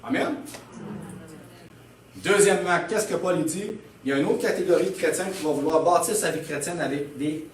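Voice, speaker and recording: A man's voice: on the high side, moderate pace, reverberant, distant mic, a little hiss or hum. A man with a Québécois French accent preaching a sermon as pastor, emphatic, often calling out "Amen?" and laughing. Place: church hall.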